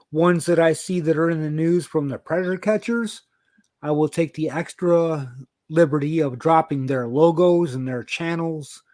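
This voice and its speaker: A man in his fifties chatting bluntly on a livestream, swearing freely and swinging from calm talk to heated outbursts. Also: fairly high pitch, dry recording, studio quality. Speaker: livestreamer sharing news of predator cases. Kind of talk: casual livestream chat. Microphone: video call.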